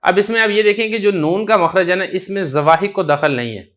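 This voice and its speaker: A man's voice: high voice, fairly bright tone. A man with a slightly raised voice gives a patient religious lesson. He explains step by step, often poses a question and then answers it. When he demonstrates a letter, he draws the sound out. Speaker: Quran recitation teacher.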